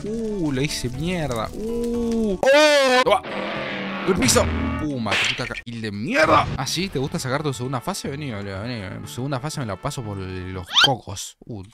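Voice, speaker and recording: A young man with an Argentine accent giving casual, excitable gameplay commentary, swearing and shouting at enemies, his voice a little off from being sick. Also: medium pitch, normal speed. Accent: Argentine Spanish. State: slightly sick voice. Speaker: gaming youtuber. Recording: game music behind voice.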